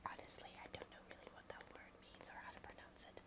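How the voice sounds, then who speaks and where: A woman reads a storybook quickly in a soft whisper, sometimes stumbling over words and adding chatty asides.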